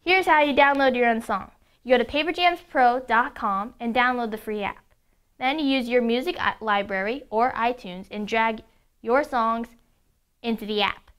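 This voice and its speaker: A young woman with a slightly high voice walks through a toy product demo. She explains each feature step by step in an upbeat, scripted way. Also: moderate pace, fairly bright tone, clean tone. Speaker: product demonstrator.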